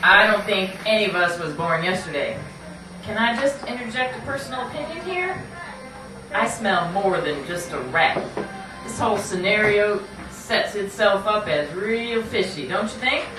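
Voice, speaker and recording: A woman narrates and hosts a live puppet show, telling the story theatrically in a folksy, playful style and speaking straight to the audience. Her medium-pitched voice is animated and moves at a normal pace, with music in the background. She is recorded from far off, away from the mic, in an echoey, noisy room.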